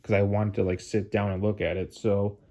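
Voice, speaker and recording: Standing by a staircase at home, a model train channel host delivers a casual vlog monologue, rambling with "like" fillers and restarts. He sounds dejected, sighing as if close to tears, in a mellow, lowish voice that is flat and moderately paced.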